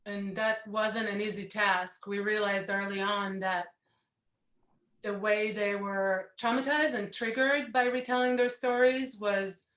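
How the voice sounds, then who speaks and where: A woman documentary producer speaking frankly and in a measured way in an interview. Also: medium pitch, steady tone, fairly bright tone. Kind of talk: remote interview answers. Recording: echoey room.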